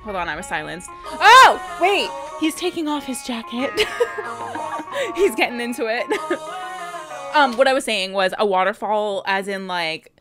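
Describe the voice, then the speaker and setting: A woman's voice: fairly high pitch, sing-song, measured pace. A young woman in her twenties reacting to a music video at home, gushing and squealing, with lots of fillers, into a studio mic. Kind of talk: excited casual reaction commentary. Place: bedroom at home, indoors. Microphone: studio mic with pop filter in front. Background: song playing in the background.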